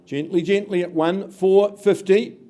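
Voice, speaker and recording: Guy doing live auction calls, pretty high voice, punchy counting down the bids to the room. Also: steady tone, unhurried, mellow. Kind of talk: live property auction calling.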